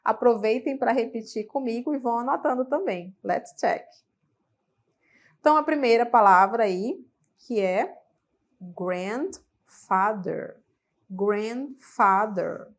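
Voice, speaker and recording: A woman's voice: fairly high pitch, normal speed. A woman with a Brazilian Portuguese accent, teaching English vocabulary in a classroom lesson, checking in with frequent tag questions and repeating words for practice.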